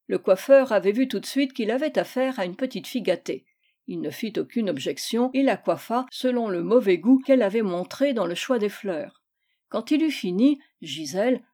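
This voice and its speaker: A woman reading a classic children's novel aloud in a measured, expressive storytelling manner. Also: mid-range voice. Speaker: reader. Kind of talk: scripted narration.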